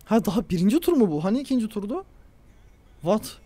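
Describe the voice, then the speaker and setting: A young man commentating his own football video game play, talking to himself and the players and yelling at big moments. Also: high-pitched, sing-song, brisk. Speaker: gaming YouTuber.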